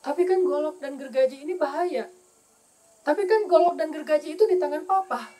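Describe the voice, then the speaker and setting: A man voicing a frightened young wife on a ship in a storm, speaking in a pleading, rushed way in a raised voice. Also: very high voice, warm tone, pitched above the performer's own voice. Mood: reassured.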